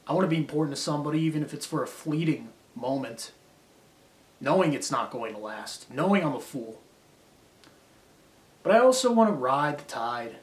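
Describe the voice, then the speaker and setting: A man delivering a rambling, profane, self-critical monologue, drifting between grudges and philosophy. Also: mid-range voice. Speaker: vlogger. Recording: roomy echo.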